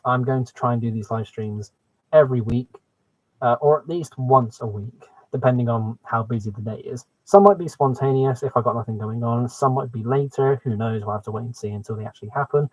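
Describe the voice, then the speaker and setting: A man runs a laid-back hobby live stream, talking a little fast in a slightly mellow, mid-pitched voice. He's chatty and excitable, full of exclamations, and his mic sounds muffled with hardly any room echo.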